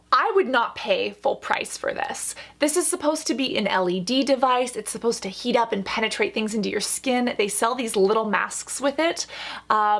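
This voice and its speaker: A woman with a fairly high voice and a noticeable creak gives chatty reaction commentary. She is playful and emphatic, freely sharing opinions as a skincare host. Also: a bit bright. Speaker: esthetician reviewing skincare as host.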